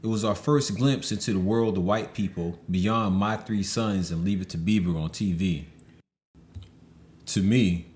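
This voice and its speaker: A man reading a memoir aloud as an audiobook, in a measured, steady way. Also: low-pitched. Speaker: audiobook reader.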